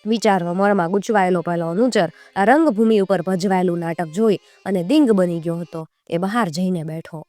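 A woman storyteller narrating a folk tale in a measured, expressive way. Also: on the low side, dry recording, faint music behind.

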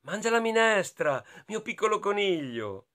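A man voicing a gentle bunny mother in a storybook, talking in a sing-song, coaxing way. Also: high voice, sing-song, normal speed, voice pushed up. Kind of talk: children's storybook reading.

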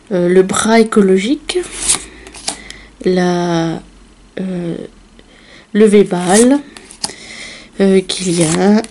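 Slow, mellow-voiced hoarse woman. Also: mid-range voice, slight background noise. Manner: chatty, fond of filler words and small laughs. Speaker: card unboxing vlogger. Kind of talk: casual unboxing commentary.

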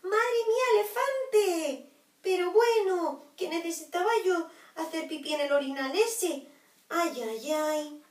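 A woman's voice: extremely high pitch, takes it slowly. A woman voicing a small, anxious male puppy who urgently needs the potty, wailing in a sing-song whine. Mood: pleading. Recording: roomy echo, from far off.

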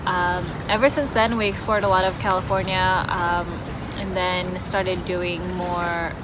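A woman's voice: lowish voice, level tone, measured pace, very noisy. Chatty young woman outdoors by a river. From Indonesia. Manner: chatty, many ums and you-knows. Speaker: travel vlogger. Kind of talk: casual Q&A chat to camera. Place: outdoors among trees by a river.

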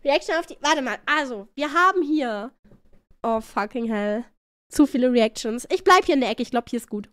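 Woman streamer reacting to clips: high, bouncy voice, excitable, playful word repetition, dry mic. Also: normal speed, no echo. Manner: excitable, shrieks and laughs often; playful, repeats words.

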